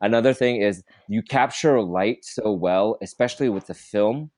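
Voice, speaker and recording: A man's voice: on the low side, normal speed, darkish tone, dry recording. A man hosting a casual podcast interview, talking with lots of energy and enthusiasm and many fillers and restarts. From Vietnam. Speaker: podcast host.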